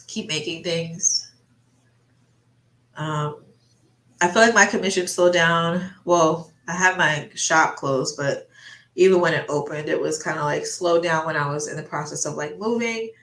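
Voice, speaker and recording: A woman's voice: fairly low pitch, a little slow, a bit bright. A woman with a stuffy nose, breathing through her mouth, rambling casually and thinking aloud as she livestreams. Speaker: artist livestreamer chatting while painting. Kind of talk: casual chat. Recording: roomy, echoey sound.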